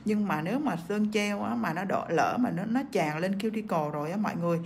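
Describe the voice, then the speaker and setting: A woman's voice: mid-range voice, fairly quick, creaky, slight background noise. A woman with a cough teaching nail art on a livestream, chatting as she works and reading out viewer comments. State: sick with a cough.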